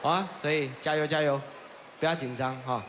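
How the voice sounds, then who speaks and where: A man judging a singing contest, telling contestants to relax in an animated, encouraging way. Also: a little high, brisk, background noise. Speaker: judge. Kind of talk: judge's critique on a talent show.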